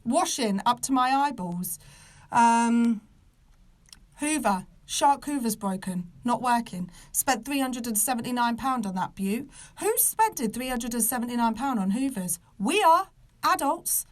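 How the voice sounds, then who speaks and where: British woman around 30, high voice, soft r's, exasperated sweary funny rant, chatting to followers. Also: expressive, unhurried. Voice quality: soft, non-rolled R sounds. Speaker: podcast host. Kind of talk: casual comedic rant to a live online audience.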